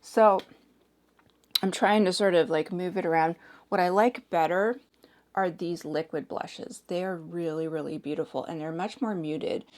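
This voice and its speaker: A hoarse woman in her forties chatting casually as she does her makeup, hedging with "like" and "sort of". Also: on the low side, steady tone, measured pace, darkish tone. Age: 40s. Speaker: makeup reviewer. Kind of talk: casual chat while doing makeup.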